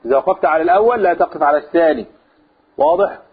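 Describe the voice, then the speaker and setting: Egyptian man teaching, husky phone-like sound. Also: fairly high pitch, animated, very fast. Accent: Egyptian Arabic. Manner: explains by asking and answering his own questions. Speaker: religious teacher. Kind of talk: Quran commentary lesson.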